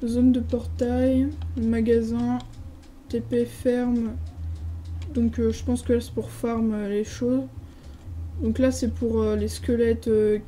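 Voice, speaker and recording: A woman with a French accent walks through a game server, reading out signs and filling pauses with hesitant filler sounds. Her voice sits a little high but sounds very warm and mellow. A faint background noise runs under the casual home recording. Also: flat delivery, poor audio. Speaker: gaming video creator.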